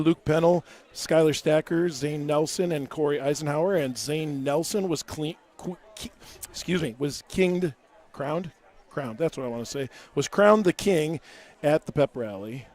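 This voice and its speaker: A man with a scratchy, recovering voice announcing a local high school football game in a chatty, folksy way, sometimes stumbling over words. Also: a little mellow. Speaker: play-by-play announcer.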